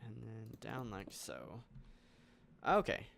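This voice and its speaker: A man's voice: lowish voice, measured pace, vocal fry, slight background noise. A man hosting a game channel, thinking aloud in casual let's play commentary as he builds. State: hiccuping. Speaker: gaming channel host.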